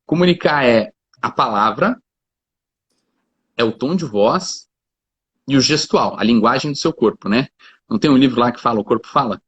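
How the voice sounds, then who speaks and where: Husky man, dull lo-fi sound. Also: mid-range voice, expressive, moderate pace, long pauses, no room sound. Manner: talkative, explains with examples, fillers like 'cara' and 'né'. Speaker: lawyer, guest. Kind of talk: casual conversation.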